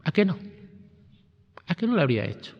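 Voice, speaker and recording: Emphatic priest preaching in a reverberant hall. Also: male voice, high voice, sing-song, gravelly. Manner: emphatic, rising and falling preaching cadence with slow stressed phrases. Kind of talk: retreat sermon. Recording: dull lo-fi sound with long reverb.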